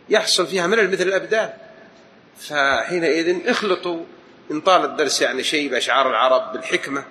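A man teaching a religious lesson to students, telling stories with lively asides. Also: on the high side, a little hiss or hum, low-quality recording. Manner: animated storytelling with asides. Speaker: Islamic teacher. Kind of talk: lecture to students.

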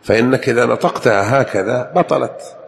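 Man, religious teacher, gravelly voice, faint background hiss, slow demonstrations, quizzing listeners. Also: medium pitch. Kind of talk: religious lesson on recitation.

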